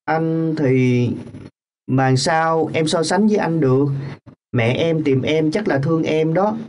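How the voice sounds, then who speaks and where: A woman acts a teenage boy who sells lottery tickets, in a radio play. The voice is low and mellow, and he talks in a coaxing, brotherly way. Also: takes it slowly, slight background noise. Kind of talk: radio drama acting.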